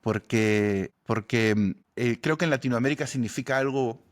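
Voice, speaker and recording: Peruvian guy on a podcast, laid back, keeps tossing in little "right?" tags, mid pitch. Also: normal speed. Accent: Peruvian Spanish. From Peru. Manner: relaxed storyteller, tags sentences with a questioning "no". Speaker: comedian guest. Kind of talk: casual interview chat.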